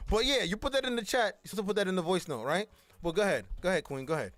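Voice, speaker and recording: A man's voice: high-pitched, lively intonation, rapid-fire, a bit bright. A male host speaking casually and preaching, who repeats his lines for emphasis. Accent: Caribbean-American. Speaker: show host. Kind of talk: casual radio show talk. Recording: music playing underneath.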